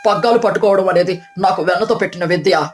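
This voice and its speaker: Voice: medium pitch, fast, soft background music, lightly acted. A voice actor playing a boastful young son-in-law from the city who orders everyone around in a storybook cartoon. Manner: proud, bragging, bossy.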